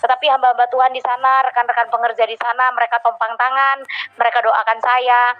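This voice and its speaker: A woman's voice: on the high side, flat delivery, fast talker, soft background music. A woman telling a heartfelt personal testimony to a congregation, with many hesitant fillers. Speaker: church member giving testimony. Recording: dull lo-fi recording.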